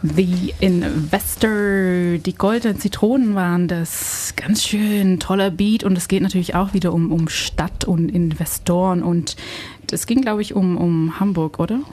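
A woman's voice: on the low side, unhurried, warm tone. A woman from Belgium hosting a casual radio chat, searching for words and laughing often. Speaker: radio host.

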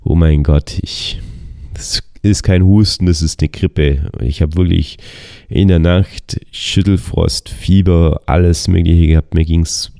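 A young man, a travel vlogger on a bicycle tour, recounts his trip in a casual spoken diary while getting over the flu. His deep voice is steady, slow, creaky and mellow, full of fillers and restarts as he rambles. The studio sound is clean, with no echo.

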